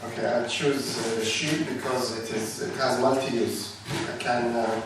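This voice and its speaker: A man's voice: mid-range voice, level tone, a little slow. A man taking part in a group exercise gives casual, brief and somewhat hesitant answers. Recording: distant, very echoey, noisy room recording.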